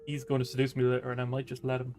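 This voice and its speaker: A man's voice: mid-range voice, monotone, racing, a little mellow, faint music behind. A man doing casual let's-play commentary, rambling as he narrates what he does. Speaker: gaming commentator.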